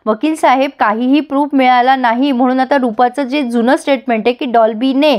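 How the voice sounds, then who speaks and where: A high-voiced woman retells a TV serial episode, storytelling and turning to speak to her viewers directly. She narrates in a chatty recap style. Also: fairly even intonation, fairly quick, darkish tone.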